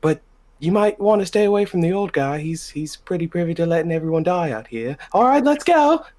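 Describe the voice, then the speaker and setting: A man voicing a cheeky, chatty male bard in a tabletop game, speaking loudly and stretching his words out. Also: a little high, big pitch swings, fairly quick. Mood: teasing.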